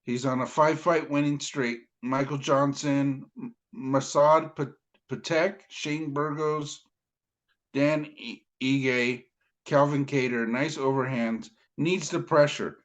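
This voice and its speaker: A man's voice: medium pitch, fairly even intonation, slow pace. A man co-hosting a casual fight podcast, heated and emphatic, often stammering as he restarts his sentences. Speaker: podcast co-host. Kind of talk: casual MMA podcast chat.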